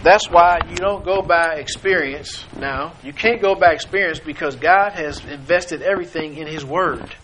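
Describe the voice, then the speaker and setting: A man preaching a sermon, halting and searching for words, acting out the scripture quotes. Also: a little high, a bit bright. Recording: noisy recording.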